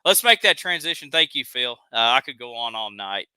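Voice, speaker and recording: A man's voice: mid-range voice, big pitch swings, moderate pace, bright, forceful tone, clear, resonant tone, dry recording. A man with a Southern accent hosting a live stream, ranting heatedly and reading chat comments aloud. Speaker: live show host.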